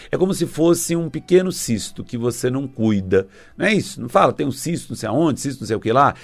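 A man talks casually to his viewers about spiritual energy. His voice sits a little high and leaps around in pitch as he acts out small scenes. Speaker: spiritual talk presenter.

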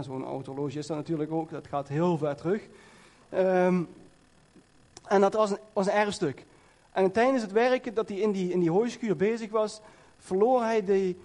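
Male preacher in a church, chatty storytelling sermon, lots of fillers, highish voice, mellow tone. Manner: conversational storytelling with many fillers.

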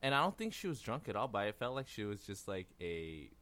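A man's voice: fairly low pitch, big pitch swings, a little fast, fairly bright tone. Rambling young man with many fillers. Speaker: podcast host. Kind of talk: casual podcast chat.

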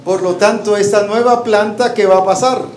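A preacher whose voice sits high speaks at normal speed with fairly even intonation, frequently putting questions to his congregation and pausing for their replies. The sermon is recorded in an echoey church hall with faint background noise.

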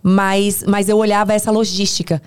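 A woman with a Brazilian Portuguese accent telling work stories casually in conversation, in an animated, hyperbolic way that often interrupts itself. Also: medium pitch, normal speed, clear, resonant tone. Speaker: podcast guest, tour producer.

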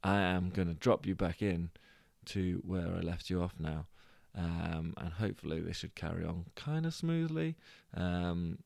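Slow, gravelly deep-voiced British man. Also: darkish tone, no echo, clean studio sound. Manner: rambling, hesitant, many fillers and restarts. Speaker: podcast host. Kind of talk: casual podcast storytelling.

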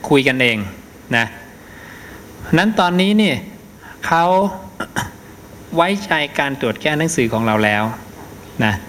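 A man's voice: mid-range voice, lively intonation, slow, pauses often, a bit bright, a little hiss or hum. A middle-aged man, a Buddhist monk, answers a question in an emphatic dharma talk and keeps tagging his points with a short particle. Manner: emphatic, repeats "นะ" as a tag.

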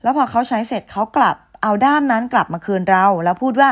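A woman's voice: a little high, expressive. A woman teaching English grammar, explaining patiently and spelling out words letter by letter. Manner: patient, ends phrases with polite particles, spells letters slowly.

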